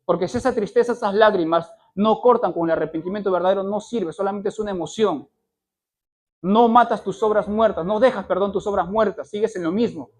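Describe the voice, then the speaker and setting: A man's voice: high voice, a little fast. A man preaching a sermon, pressing his point with repeated phrases and rhetorical questions, and correcting himself mid-sentence.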